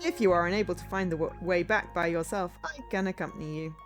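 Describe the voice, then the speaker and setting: A woman voicing a too-smooth, mechanical male android. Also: lowish voice, fast, faint music behind, close to an everyday voice. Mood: polite. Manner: evenly paced, mechanical speech like a voice synthesizer. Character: polite, flat-spoken male android warehouse keeper. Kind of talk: reading a visual novel aloud with voices.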